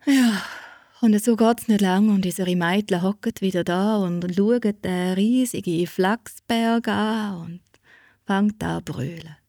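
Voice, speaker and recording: Swiss woman storyteller, animated fairy-tale telling, breathy tone, dry close sound. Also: medium pitch, takes it slowly, dry recording. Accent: Swiss German. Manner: lively, animated, addresses listeners.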